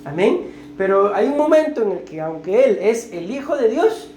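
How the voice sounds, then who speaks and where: A woman preaches a sermon, her voice dark and mellow. She keeps checking in with rhetorical "right?" tags and addresses the congregation warmly as brethren. The sound carries the roomy echo of a church, with a faint hum of ambience behind it. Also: a little high, big pitch swings, moderate pace.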